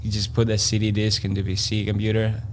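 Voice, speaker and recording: A low-voiced man with a Latvian accent answers questions in modest, halting English. A faint hum sits beneath his voice. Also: monotone. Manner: halting non-native English, modest and soft-spoken. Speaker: free runner, guest. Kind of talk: casual interview chat.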